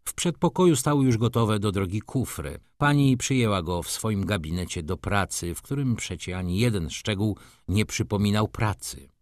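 A man narrating a classic novel as an audiobook, in a measured, expressive reading. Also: lowish voice, no room sound, clean studio sound.

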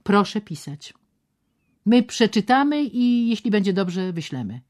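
Curt hushed male heavy read by a woman, cold, storybook. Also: medium pitch, sing-song, unhurried, pitched above the performer's own voice.

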